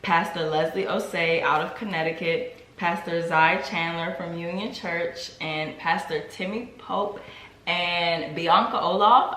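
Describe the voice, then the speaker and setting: A woman's voice: on the low side, bright, forceful tone, a little hiss or hum. A young adult woman hosting her own vlog, chatting casually and laughing while she eats. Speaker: vlogger host. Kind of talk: casual chat while eating. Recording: roomy home recording.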